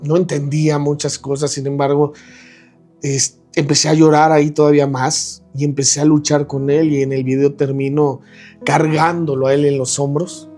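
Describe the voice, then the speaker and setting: A man with a Mexican accent, a podcast guest telling his personal testimony in a casual, animated way, acting out the voices of the people in his story and laughing at himself. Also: on the high side.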